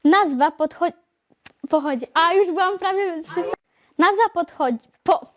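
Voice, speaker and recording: A woman's voice: very high voice, measured pace. A teenage young woman presenting from a script in outtakes, recorded on a lapel mic indoors. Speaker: school show presenter. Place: small green-screen school studio, indoors. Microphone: lapel microphone.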